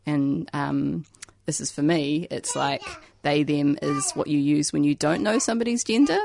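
A woman's voice: low-pitched, vocal fry, a little mellow, a little hiss or hum. A woman co-hosting a casual radio chat, speaking earnestly and with emphasis. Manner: earnest, emphatic, slow in places. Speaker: radio co-host. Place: radio studio.

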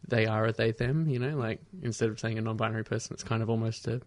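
A man in a casual radio chat, halting and searching for words. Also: fairly low pitch, steady tone, no room sound.

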